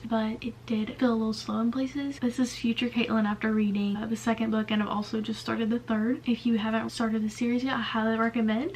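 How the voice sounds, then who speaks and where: A woman's voice: a little high, darkish tone. A woman chatting casually about the book she's reading into her camera mic at home, full of fillers and sometimes dropping to a whisper. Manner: chatty, lots of fillers, drops to a whisper at times. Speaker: book vlogger. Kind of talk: casual reading-vlog chat. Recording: noisy home recording with hum.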